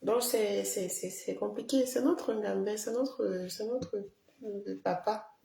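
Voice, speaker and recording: A woman's voice: mid-range voice, slow pace, creaky, mellow, reverberant. A woman hosting a casual live stream, chatting and putting questions to viewers. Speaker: livestream host. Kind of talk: casual live commentary, reading viewer comments.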